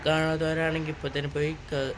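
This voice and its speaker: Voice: medium pitch, little pitch movement, a little fast. A vlogger, casually narrating an outing to viewers and mixing English words into the talk. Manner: mixes English words into Malayalam. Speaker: vlogger hosting a travel vlog. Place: outdoors at tourist spots and park. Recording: noisy outdoor recording with crowd and traffic sounds.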